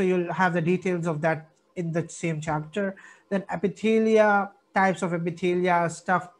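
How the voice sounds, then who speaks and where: A young man with a Pakistani accent giving an informal recorded lecture as a tutor, repeating key words for emphasis. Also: high voice. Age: young adult. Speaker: medical student tutor.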